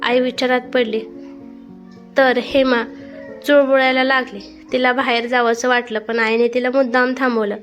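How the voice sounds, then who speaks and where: A woman's voice: on the high side, flat delivery, normal speed, faint music behind. A woman narrating a family story and voicing the characters' dialogue herself.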